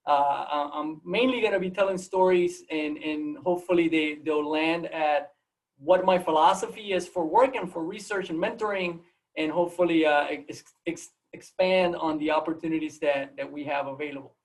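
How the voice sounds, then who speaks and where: With a slightly high voice at a moderate pace, this man sounds far from the microphone. He is a Puerto Rican biology professor and native Spanish speaker, giving a guest seminar on a video call. His talk is informal and narrative, marked by frequent word repetition and a Puerto Rican accent.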